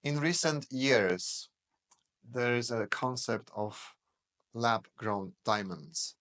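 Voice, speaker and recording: A man hosting an interview, asking brisk, direct questions. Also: mid-range voice, animated, a bit bright. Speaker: interview host.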